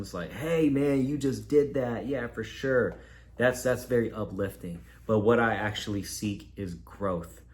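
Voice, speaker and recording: A man's voice: fairly low pitch, a little mellow. A man giving casual career advice to camera from home, talking loosely, with fillers and repeated words. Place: at home, with laundry machine nearby.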